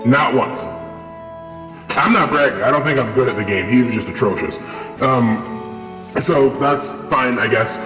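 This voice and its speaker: Man telling a story through a voice changer. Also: mid-range voice. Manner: rambling, lots of fillers. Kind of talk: casual storytelling. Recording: echoey with long reverb, music behind.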